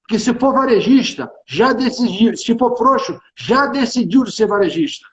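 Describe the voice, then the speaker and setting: This man's voice is extremely high and expressive, moving at a normal pace. A tax consultant and executive with a Carioca Brazilian Portuguese accent from Rio de Janeiro, he speaks emphatically and informally in a live business discussion, repeating phrases often. His livestream audio is dull and band-limited, recorded in an echoey room.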